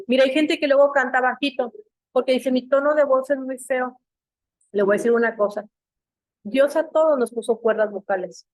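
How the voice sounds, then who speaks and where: A middle-aged Mexican woman teaches a Bible class at church, telling the stories with lively energy and acting out the voices of those she quotes. Her voice is on the high side, with no echo.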